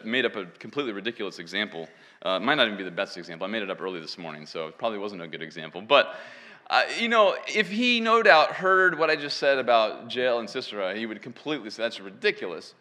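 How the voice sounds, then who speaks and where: A man with a lowish, sing-song voice preaches an expository sermon to a congregation in a church hall, speaking quickly in a pushed, bright tone. He is emphatic and drops in self-deprecating asides. The recording carries a long hall reverb.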